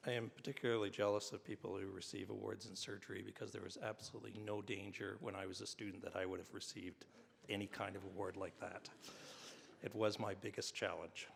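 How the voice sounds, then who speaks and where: A man's voice: fairly low pitch, level tone, brisk, creaky, a little hiss or hum. A man presenting awards at a university ceremony, reading formal citations with the odd "uh" and a dry aside about himself. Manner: reads citations with filler "uh"s, adds dry self-deprecating asides. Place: large hall at a university convocation. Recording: long hall reverb.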